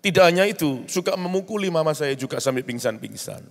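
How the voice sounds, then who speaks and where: A man's voice: on the high side, animated, fast talker. A man preaching, telling a personal story with emotional rises. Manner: storytelling, rising into emotional outbursts. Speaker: pastor. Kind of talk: sermon testimony. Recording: long hall reverb.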